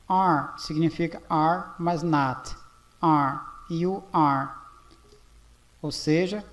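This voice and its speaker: A man from Brazil walks through a grammar lesson at a board. His voice sits a little high and he speaks slowly, checking in with "ok?" again and again. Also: darkish tone. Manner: slow, repeats "ok?" often. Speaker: English teacher.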